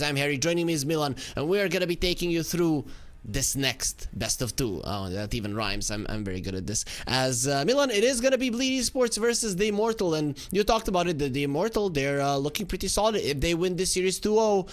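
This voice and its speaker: A man's voice: a little high, lively intonation, brisk. Upbeat esports caster, man. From Serbia. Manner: upbeat, self-joking, reads out rosters. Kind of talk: live esports commentary.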